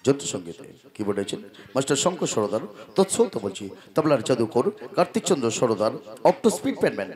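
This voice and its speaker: A man's voice: medium pitch, big pitch swings, fast, a little mellow, soft background music. A man making formal, declamatory announcements for a folk theatre show, stretching out key phrases over a live PA. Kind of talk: theatrical stage announcement before a folk play.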